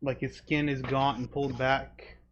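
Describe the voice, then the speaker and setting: A man's voice: medium pitch, little pitch movement, moderate pace. A man narrating a tabletop game as game master, describing scenes to his players. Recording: dull sound with faint noise.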